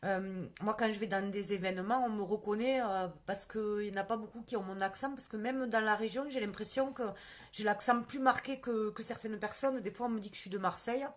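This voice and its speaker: A woman's voice: mid-range voice, a little fast. A woman with a strong southern French countryside accent, chatting casually on a live stream, answering viewers' questions about her sales work and greeting commenters by name. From southern France. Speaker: beauty sales consultant.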